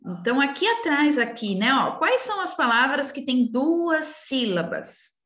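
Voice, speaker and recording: A woman teaching young children over a recorded video, slowly and coaxingly walking them through a worksheet. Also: high-pitched, sing-song. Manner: slow, coaxing, talks down gently to young children. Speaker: primary school teacher. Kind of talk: recorded remote class walkthrough. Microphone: computer recording while sharing screen. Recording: echoey room.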